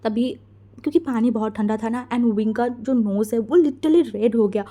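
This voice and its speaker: A woman's voice: a little high, normal speed, warm tone. A woman casually narrating a fan fiction story, dropping in fillers like "like" and "literally".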